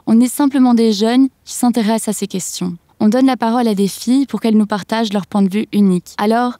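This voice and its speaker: Young woman hosting, mellow tone. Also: on the high side, no echo, studio quality. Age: young adult. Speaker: podcast host. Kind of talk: scripted intro and interview questions.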